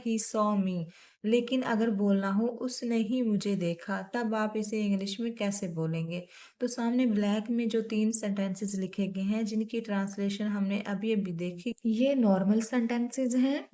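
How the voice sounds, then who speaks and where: Patient woman teaching grammar, slightly high voice. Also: mellow. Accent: Pakistani. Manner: patient, step-by-step explaining with worked examples. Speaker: English teacher. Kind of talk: recorded grammar lesson.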